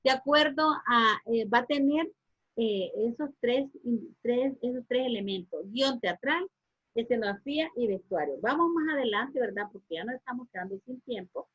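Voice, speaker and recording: A woman's voice: fairly high pitch, expressive, moderate pace, slightly rough. A woman teacher giving an online class, hesitant with many fillers and restarts, asking her students questions. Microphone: video call. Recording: muffled lo-fi online call audio.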